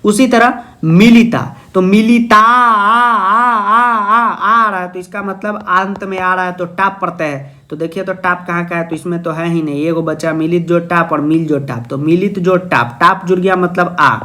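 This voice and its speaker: A man's voice: sits high, fairly even intonation, normal speed, hardly any pauses, pushed and bright. A young man teaching a Sanskrit exam lesson, playful and jokey, often asking questions and then answering them himself in a student's voice. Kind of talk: exam-prep video lesson.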